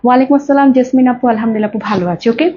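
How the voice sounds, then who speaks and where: A woman with a Bangladeshi Bengali accent and a hoarse voice, pitching saris in an effusive live sales stream. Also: very fast, warm tone. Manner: effusive, mixes English phrases. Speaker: live-stream saree seller. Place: clothing showroom. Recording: dull lo-fi live stream with faint noise.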